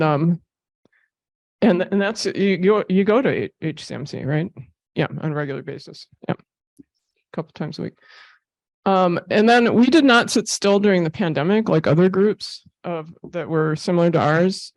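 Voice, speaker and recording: A woman's voice: on the low side, normal speed, no echo. A woman giving a casual talk with slides as a therapy animal volunteer, a chatty storyteller who laughs often and uses many fillers.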